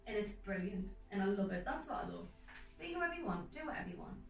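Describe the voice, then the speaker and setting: A young woman actor talking earnestly and enthusiastically in a casual interview, in quick runs of speech. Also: medium pitch, sing-song, gravelly, recorded from a distance. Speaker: guest actor. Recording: roomy echo, off-mic, faint music behind.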